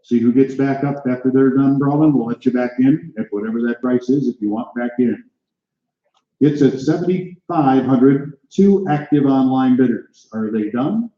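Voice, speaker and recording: An American auctioneer calls a live auction in a medium-pitched voice at normal speed, clipping out climbing numbers and repeatedly calling to bidders. The room is echoey and the sound slightly dull.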